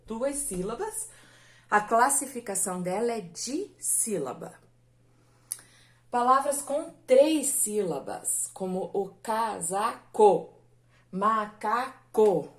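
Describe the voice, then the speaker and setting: A woman teaching a recorded lesson to children, patient and stretching words out syllable by syllable. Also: medium pitch.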